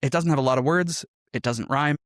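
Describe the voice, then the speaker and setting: An improv musical performer, appearing as a podcast interview guest, explains his craft conversationally and offers examples. His voice is a little high, fairly quick and a bit bright, recorded cleanly in a studio with no room sound.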